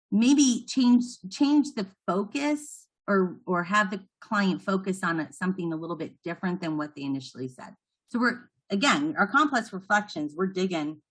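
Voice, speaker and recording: A woman with a medium, slightly bright voice leads a training session. She walks the trainees through the material step by step, staying patient and encouraging throughout.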